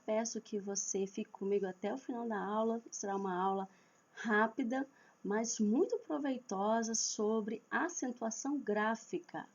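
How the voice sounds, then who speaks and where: A woman teaching a Portuguese grammar lesson online, explaining slowly and patiently with some hesitations and restarts. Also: a little high, darkish tone, slightly rough, dull audio.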